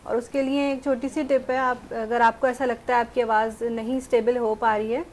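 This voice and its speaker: Woman judge giving gentle vocal tips. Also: a little high, little pitch movement, slight background noise. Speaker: naat competition judge. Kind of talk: studio panel critique.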